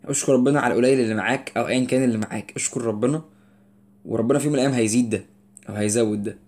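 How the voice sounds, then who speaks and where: A man's voice: mid-range voice, rapid-fire. Egyptian man teaching English vocabulary. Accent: Egyptian Arabic. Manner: reads each English word, then explains it in colloquial Arabic; jumps between louder and softer delivery. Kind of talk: vocabulary lesson.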